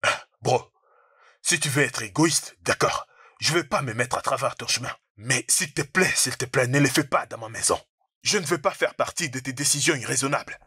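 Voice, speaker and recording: An exasperated young man in a dubbed drama. His voice is very raspy yet bright and tense, and he pleads defensively. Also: mid-range voice, moderate pace, no echo.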